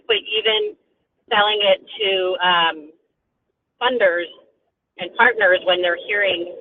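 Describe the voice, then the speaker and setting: A woman calling in over a speakerphone while driving a car, talking casually and thinking aloud with fillers. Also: mid-range voice. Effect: phone speakerphone from a moving car. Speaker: call participant. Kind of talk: casual talk on a conference call. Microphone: phone speakerphone. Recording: tinny phone line, faint road noise.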